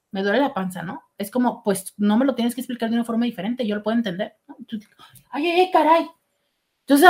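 A middle-aged woman hosting a casual show and chatting animatedly as she reads listener messages. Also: sits high. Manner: chatty, warm, animated with exclamations. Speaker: radio host reading listener messages. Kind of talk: casual call-in show chat.

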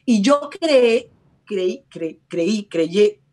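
An actress telling stories as a guest on a video call, chatty and quoting herself. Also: female voice, mid-range voice, animated, drawn-out words, warm tone. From Venezuela. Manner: chatty, tells stories, acts out her own quotes. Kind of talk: casual interview chat.

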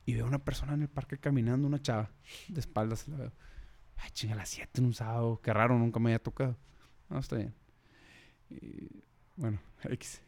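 Give me a Mexican man in casual chat, slangy and animated as he tells an anecdote. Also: medium pitch, a little fast, creaky, long pauses. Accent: Mexican Spanish. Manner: slangy, peppers speech with "güey".

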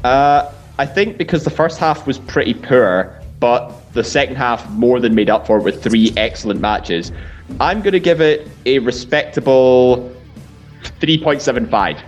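Mid-pitched male podcast panelist over music. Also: measured pace, muffled recording. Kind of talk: casual review chat.

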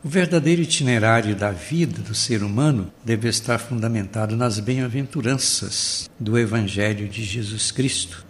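A man giving a measured, earnest reading of a reflective religious article, in a solemn tone. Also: fairly low pitch, a little hiss or hum. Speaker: bishop reading his article. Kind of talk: read-aloud reflective article.

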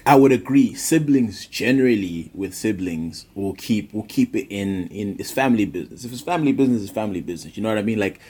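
A man's voice: on the low side, animated, fast talker, hardly any pauses, darkish tone, breathy edge. A man hosting a podcast in casual, slangy banter, often repeating words and phrases for emphasis. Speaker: podcast host.

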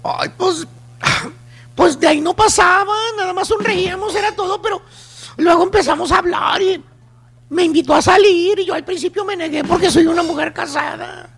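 A man's voice: very high-pitched, normal speed, gravelly, fairly bright tone, exaggerated voice. A man voicing a melodramatic young married woman, confessing to her friend in a whiny, tearful way. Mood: confiding.

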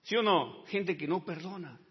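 A man preaching a sermon who keeps calling his listeners brother and adding amen, dropping to quiet asides and rising to loud shouts. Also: animated, normal speed, husky. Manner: addresses listeners as brother, tags lines with amen; swings between low quiet asides and loud high shouting. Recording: dull sound with long reverb in a large hall.

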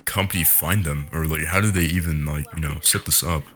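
A man's voice: extremely low pitch, fairly even intonation, brisk, noisy background. A young man on a podcast, bantering crudely and laughing. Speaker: podcast co-host. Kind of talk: casual podcast chat.

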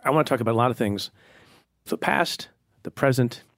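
A middle-aged man from India hosting a podcast, explaining news in a measured way and interviewing a guest. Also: medium pitch, a bit bright, no room sound, studio quality. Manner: measured, explanatory, reads ad copy. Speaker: podcast host.

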